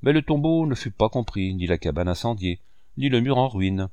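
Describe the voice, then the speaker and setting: A man narrating an audiobook of a classic novel in a measured, expressive reading voice on a close mic. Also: lowish voice, clean tone, no room sound, lo-fi sound.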